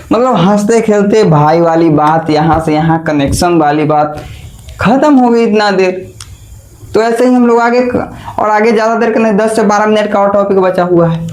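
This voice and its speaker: A man's voice: high-pitched, darkish tone, roomy sound. A young man, teaching an online physics lesson in a playful, teasing, chatty manner.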